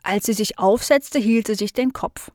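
Woman gently reading a children's story. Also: mid-range voice, moderate pace, no echo, clean studio sound.

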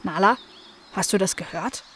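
A woman voicing a kindly aunt who likes cats, speaking softly. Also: mid-range voice, normal speed, slight background noise, lightly acted. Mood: calm.

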